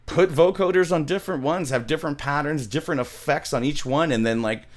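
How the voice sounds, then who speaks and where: A middle-aged man with a fairly high, brisk voice leads an informal screen-share music production tutorial. He talks enthusiastically, rambles and interrupts himself, close-miked on a studio microphone with headphones on in his small home studio.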